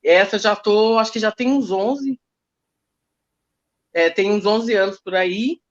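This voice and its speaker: A woman teacher, recounting school stories in an emotional, animated way. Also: mid-range voice, slow, dull audio. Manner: emotional, animated retelling with quoted speech. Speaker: teacher guest. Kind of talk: storytelling in a casual interview.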